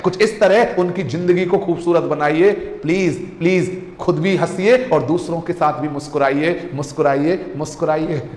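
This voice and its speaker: A man's voice: high-pitched, darkish tone. A man from India teaching a communication class, emphatic and repetitive, firing off rhetorical questions and mixing Hindi with English. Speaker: communication coach. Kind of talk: online class lecture. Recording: echoey room with long reverb.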